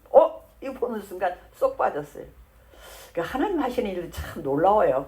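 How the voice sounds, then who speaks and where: Speaking at medium pitch, a woman pastor preaches a sermon in a church. She tells the Bible story conversationally and acts out the lines of its characters.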